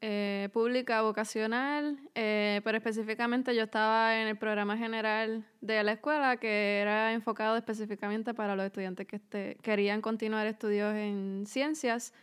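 A young Puerto Rican university student answers podcast interview questions in Puerto Rican–accented Spanish, measured and pausing on many fillers. Her voice is fairly high, steady and clean.

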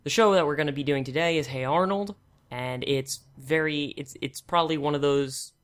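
A man's voice: on the high side, normal speed, fairly bright tone. A man hosting a podcast in a casual, wry, joking way. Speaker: podcast host. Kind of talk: casual chat.

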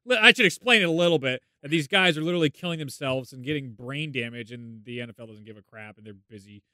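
A man's voice: medium pitch, fast talker, bright, forceful tone, no room sound. A man hosting a podcast in casual chat, effusive and full of banter. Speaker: podcast host.

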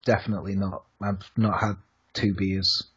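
A man's voice: sits low, flat delivery, normal speed, a bit bright, husky, muffled recording. A man co-hosting a podcast in casual chat, teasing with dry humor over a video call. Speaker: podcast co-host.

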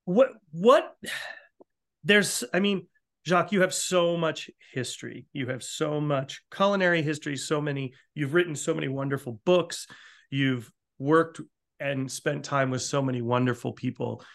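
Interviewing a chef in conversation, this Newport, Rhode Island-area man from the US Northeast speaks at a moderate pace in a higher voice with vocal fry. He asks long, enthusiastic questions and often restarts them.

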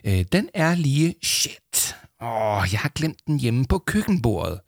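A man reading a storybook aloud, voicing a quick, outspoken young girl. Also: mid-range voice, big pitch swings, creaky, dry recording, studio quality, voice pushed up. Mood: lively. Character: lively, blunt young girl.

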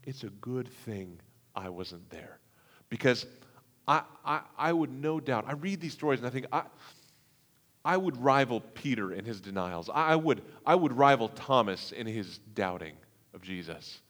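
A man preaching a sermon, with dramatic swings between hushed, slow passages and loud, emphatic ones. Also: mid-range voice, very animated. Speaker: pastor. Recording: long hall reverb.

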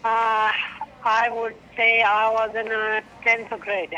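Older mother calling in on speakerphone, hesitant short replies, even and bright. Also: fairly high pitch, slow, dull audio. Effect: heard over a speakerphone held to the mic. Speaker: guest's mother on the phone. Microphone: phone on speakerphone next to a studio mic.

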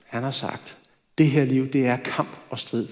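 A man's voice: medium pitch, steady tone. A man preaching a sermon in a church, talking in a conversational way with light asides. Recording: reverberant church hall.

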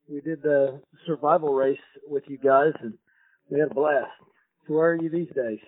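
Loud man on a worn lo-fi recording. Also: on the high side, fairly even intonation, normal speed, slightly rough. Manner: loud, chatty, lots of "um" and "uh". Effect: worn, muffled lo-fi recording from a faulty device. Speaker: podcast host. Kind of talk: casual interview chat. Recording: dry, tinny phone-like recording.

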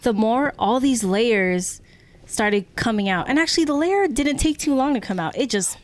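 A woman co-hosts a podcast, her voice on the high side with lively intonation and a moderate pace. She tells stories in a casual, reflective way, often checking in with the listener and tossing in "you know" and "right?"

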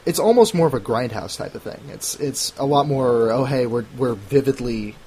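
A man's voice: mid-range voice, lively intonation, moderate pace, a crowd in the background. A rambling man in a podcast chat with a mid-range voice. He stumbles over restarts and pokes fun at himself. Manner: rambling, stammers on restarts, self-mocking. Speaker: podcast co-host. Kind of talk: casual chat.

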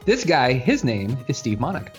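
A man hosts a casual podcast with an informal, joking way of talking. His pitch is average, and music plays faintly behind him. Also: huge pitch swings, normal speed. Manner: jokey, informal. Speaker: podcast host. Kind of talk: casual chat.

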